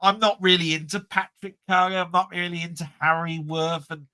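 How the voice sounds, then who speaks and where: A mature man with a British accent and a bright, fairly high voice, recorded close and dry. He banters casually as a co-host, joking and often repeating phrases while he hunts for the next word. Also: steady tone, fairly quick, smooth, no echo. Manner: joking, repeats himself while searching for words.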